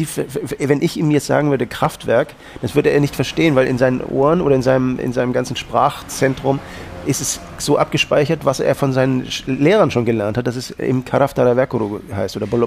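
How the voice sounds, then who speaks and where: A man's voice: mid-range voice, fairly quick, vocal fry, darkish tone, a little hiss or hum. A man from Austria, a guest in an interview, telling rambling anecdotes with many restarts. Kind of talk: casual interview talk.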